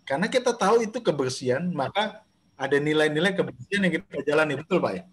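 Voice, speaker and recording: A pastor teaches a Bible study over a video call, speaking directly to the group in a slightly high voice. He talks loosely and conversationally, with fillers and restarts. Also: animated, fast talker, a bit bright, a little hiss or hum. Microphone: video call microphone.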